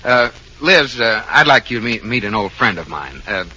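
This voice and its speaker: A man's voice: lowish voice, sing-song, normal speed, bright, forceful tone, breathy edge, highs cut off, full character voice. A man playing an exasperated, stammering husband in an old radio sitcom. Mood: nervous. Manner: stammering, indignant. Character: exasperated, flustered middle-class husband.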